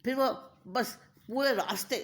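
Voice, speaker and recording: A woman voicing an excitable young female college student who talks breathlessly and stammers. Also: fairly high pitch, unhurried, pitched above the performer's own voice. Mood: eager.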